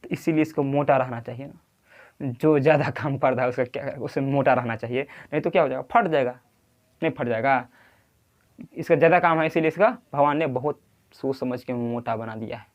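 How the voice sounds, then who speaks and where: A man's voice: mid-range voice, brisk. A man with a Bihari accent teaching a lecture, who keeps asking the class questions and repeating key terms. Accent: Bihari Hindi. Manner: quizzing, repeats key terms, drawing at a board.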